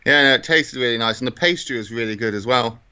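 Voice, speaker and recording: A man's voice: mid-range voice, fast talker, sharp tone, clear, resonant tone, muffled recording. A man with a British accent chatting casually and descriptively as a podcast co-host. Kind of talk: casual chat describing a walk.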